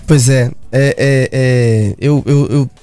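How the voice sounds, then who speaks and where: A songwriter from Bahia with a Bahian accent, talking casually in an interview, halting with many repeats and restarts. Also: male voice, mid-range voice, steady tone, mellow, faint music behind. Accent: Bahian Portuguese. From Bahia, Brazil. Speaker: songwriter guest.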